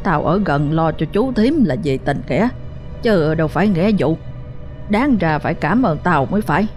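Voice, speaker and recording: A woman's voice: deep voice, lively intonation, normal speed, darkish tone, faint music behind. A woman voicing a blunt middle-aged aunt who answers back with some hesitation, with a Southern Vietnamese accent. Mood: resentful.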